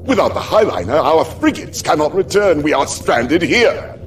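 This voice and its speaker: An actor voices a middle-aged, loyal military aide in a video game cutscene, dramatic and deferential toward his lord, sounding grave and alarmed. His male voice sits on the high side with big pitch swings at normal speed, and there is slight background noise.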